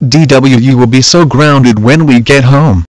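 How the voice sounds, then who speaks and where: A man's voice: medium pitch, unhurried, no room sound, natural voice. A synthetic man voice as a stern cartoon dad. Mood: furious shouting. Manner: scolding, then yelling in fury. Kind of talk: text-to-speech fan animation.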